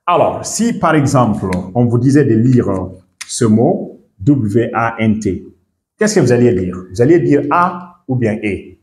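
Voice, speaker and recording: A man teaching English pronunciation in French, repeating each English word slowly and often checking whether listeners understand. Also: medium pitch, expressive, darkish tone, roomy sound. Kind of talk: language lesson.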